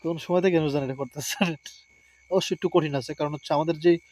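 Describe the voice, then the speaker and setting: Outdoors at his rural home at night, a man from the Barishal area of Bangladesh chats casually to camera as he cooks, often adding short affirmations. His Barishal Bangla comes in a fairly high, steady, darkish voice, spoken fast with no echo.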